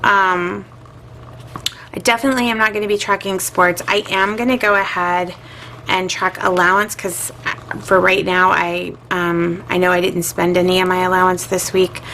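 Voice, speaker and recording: A woman's voice: on the low side, level tone, moderate pace, bright, forceful tone, slight background noise, rough recording. A middle-aged woman and regular vlogger chatting casually while she sorts her budget, musing aloud with plenty of filler words.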